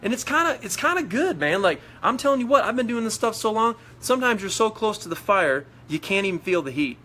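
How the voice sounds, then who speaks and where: A man's voice: high voice, lively intonation, brisk, sharp tone. Fired-up man on a motivational livestream. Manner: fired-up, preachy, repetitive. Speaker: network marketing leader. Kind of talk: motivational Facebook Live talk.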